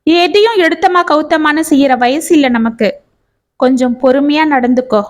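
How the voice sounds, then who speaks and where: Woman doing a gentle, reassuring middle-aged man. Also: high-pitched, moderate pace, close to an everyday voice. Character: kind, steady middle-aged male neighbour.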